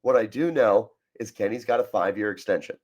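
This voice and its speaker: A man hosting a sports podcast, sick with a cold that leaves his voice raspy, talking in a chatty, self-deprecating, energetic way. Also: on the low side, fairly quick. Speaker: podcast host.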